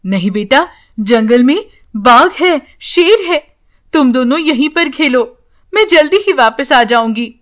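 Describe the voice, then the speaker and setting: A gentle cartoon mother talks in a soothing, reassuring way, yet stays firm, voiced by a woman. Her voice is high. It has the feel of an animated bedtime story. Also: measured pace. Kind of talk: cartoon voice acting.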